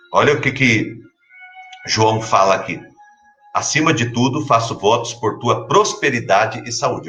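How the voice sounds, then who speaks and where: This is a Brazilian man delivering a sermon, his low voice carrying a bright, forceful edge. He repeats key phrases for emphasis and lifts his pitch when quoting scripture. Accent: Brazilian Portuguese. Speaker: pastor.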